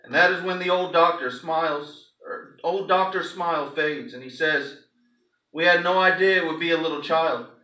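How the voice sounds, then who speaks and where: Pushed and bright, on the high side and at a moderate pace, a pastor's voice carries a theatrical, emphatic reading of a story to the congregation. The recording is echoey, taken from a distant mic.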